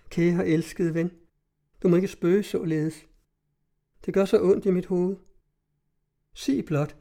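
A man's voice: a little high, pitched above the performer's own voice, close to an everyday voice. A tender, frightened young woman, as a male reader puts her on. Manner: soft, pleading, anxious. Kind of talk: audiobook reading.

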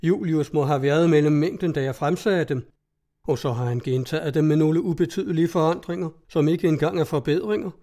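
An earnest young poet, a little unsure of himself, reciting his lines slowly and solemnly, as a man reads him aloud. The voice sits fairly high and sounds mellow, like a storybook character. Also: lightly acted. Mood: dismayed.

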